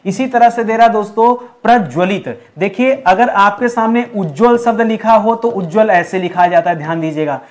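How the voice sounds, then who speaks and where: Male exam tutor, high voice, keeps asking the class which form is right, slows down to spell out the hard words. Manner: repeats questions to the class, addresses viewers as friends; drills each word slowly, syllable by syllable. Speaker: Hindi exam teacher. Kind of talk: spoken spelling lesson.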